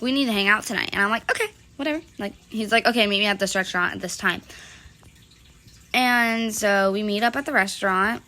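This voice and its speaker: Young woman, bright and sharp voice, rambling casual storytime narration with heavy fillers. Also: medium pitch. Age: young adult. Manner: rambling, valley-girl fillers, quotes others loosely.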